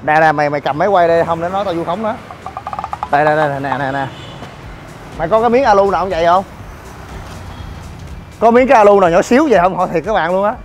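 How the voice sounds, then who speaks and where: A man's voice: high voice, fast talker, long pauses, faint music behind. A man ranting to viewers while inspecting shoddy building work, scolding and exasperated. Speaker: gym owner and vlogger. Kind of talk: ranting vlog walk-through.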